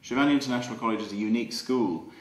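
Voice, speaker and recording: Man, school staff, promotional explanation, measured, earnest, roomy echo. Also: medium pitch, noisy background.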